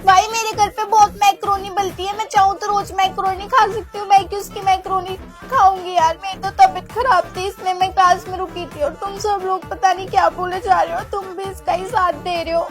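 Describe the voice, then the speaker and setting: A defensive schoolgirl, played by a woman, loudly insists she is innocent. Her voice is very high and indignant, and every line comes as a protest, as in a comedy skit. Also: little pitch movement, a little fast, few pauses, music in the background. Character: defensive schoolgirl denying she stole lunch.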